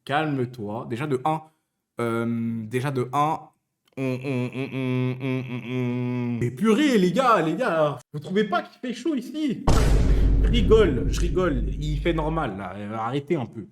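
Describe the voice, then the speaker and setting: A man's voice: medium pitch, lively intonation, measured pace. A young man from Switzerland chatting casually on a live stream, teasing his viewers and stammering through restarts.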